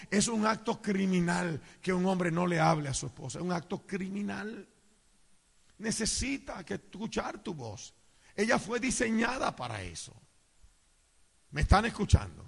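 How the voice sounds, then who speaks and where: A man preaching as a pastor, emphatic, swinging between loud bursts and low asides, calling on the congregation to answer. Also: animated, moderate pace, creaky, husky. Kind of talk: preaching sermon with call and response. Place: church hall. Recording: long church hall reverb.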